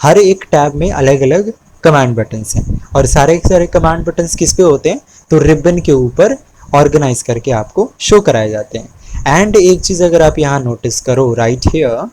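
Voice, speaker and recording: Man teaching spreadsheets, mellow voice. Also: on the high side, lively intonation, moderate pace, slight background noise, poor audio. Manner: patient, repeats key terms, frequent "ठीक है" check-ins. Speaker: Excel instructor. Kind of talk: screen-recorded tutorial, mixing Hindi and English.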